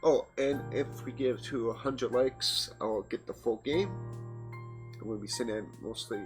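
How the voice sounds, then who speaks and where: Over game music and rain, a let's play host with a mid-range voice reads the story text aloud at a normal speed and makes casual comments, occasionally stumbling over the words. The audio quality is poor.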